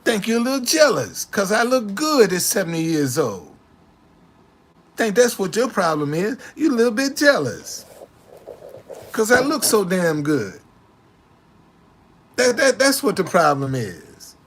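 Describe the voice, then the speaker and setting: In his late sixties, a man talks to the camera in a casual, slangy, street-swagger style, his voice sitting high and his pace unhurried with long pauses. He repeats himself in animated, indignant comebacks.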